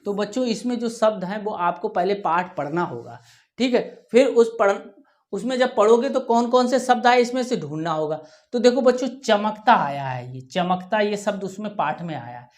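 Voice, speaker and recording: A woman teacher giving a workbook lesson to young children, saying each word slowly and then repeating it for the class to echo. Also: medium pitch, lively intonation. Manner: talks children through writing tasks, often ending with "ठीक है". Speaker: primary school teacher.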